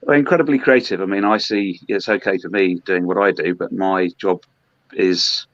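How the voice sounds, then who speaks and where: A man from Hong Kong, a brewery representative, talking in a podcast interview with many pauses and restarts. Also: deep voice, fairly even intonation, a bit bright, no room sound. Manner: hesitant, many ums and restarts. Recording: dull lo-fi dry sound.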